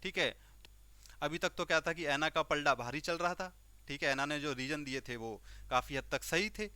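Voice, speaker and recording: A man's voice: fairly high pitch, normal speed, clear, resonant tone, no room sound. A man with an Indian accent teaching homeopathy through an acted story, often repeating "okay" and speaking in short bursts. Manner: animated, acts out characters, repeats "okay". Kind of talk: storytelling lecture.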